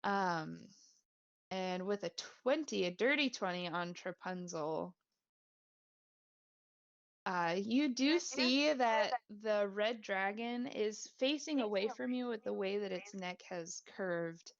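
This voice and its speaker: Slow-paced woman running a tabletop game. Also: mid-range voice, lively intonation, vocal fry, dry recording, muffled recording. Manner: informal, playful, sweary. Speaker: game master. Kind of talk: improvised tabletop game narration.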